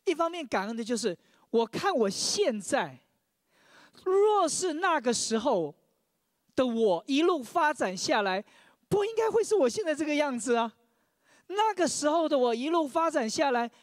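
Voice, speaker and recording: A man's voice: extremely high pitch, no room sound, studio quality. A man preaching a sermon, sharing his own testimony, often stammering over repeated words and leading the congregation in reading scripture aloud.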